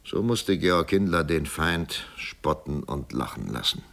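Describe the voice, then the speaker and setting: Brief: male audiobook narrator, very low voice, animated delivery, dramatic storytelling. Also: a little slow, vocal fry. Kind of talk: scripted narration of a classic novella.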